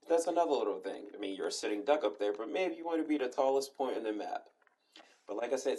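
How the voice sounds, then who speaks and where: Lower-voiced man rambling through a map tour. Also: darkish tone. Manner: chatty, meandering, with frequent restarts. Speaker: host giving a game map tour. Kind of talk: casual walkthrough commentary.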